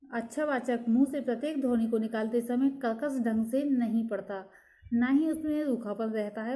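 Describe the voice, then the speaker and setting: Woman lecturing from her notes, mellow voice, a bit high, steady, says "next point" a lot. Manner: steady explanatory delivery with frequent fillers and "next point" cues. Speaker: teacher.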